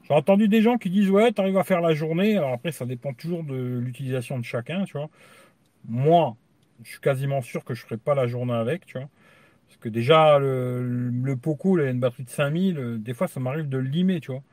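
The recording is dry, and the man's medium-pitched, slightly mellow voice moves fairly quickly. Hosting his YouTube tech channel live, he rambles in a casual, crude way and keeps dropping "tu vois" after almost every phrase.

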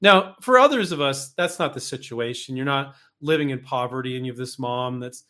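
A man's voice: mid-range voice, a little fast, sharp tone. A man coaching inventors in a casual, frank talk, speaking bluntly with mild swearing and many restarts and asides.

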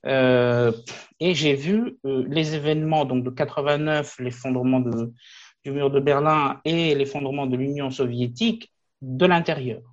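A man in his late thirties from Afghanistan, a guest in a conversational interview, talking haltingly with many fillers and restarts. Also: medium pitch, lo-fi sound. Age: late 30s.

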